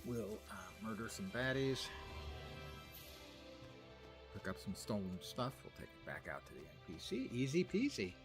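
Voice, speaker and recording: Wry man with lively gaming commentary. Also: lowish voice, normal speed, pauses often, music in the background. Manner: wry, playful, musing aloud. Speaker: gaming host. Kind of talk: casual game commentary.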